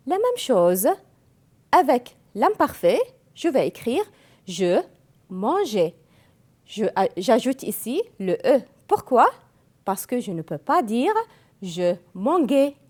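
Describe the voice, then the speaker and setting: Woman teacher, arabic native, goes slow over verb endings, lots of up and down in her voice. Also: medium pitch, mellow. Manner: slow, spelling out endings and repeating forms. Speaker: French teacher. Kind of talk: classroom grammar lesson.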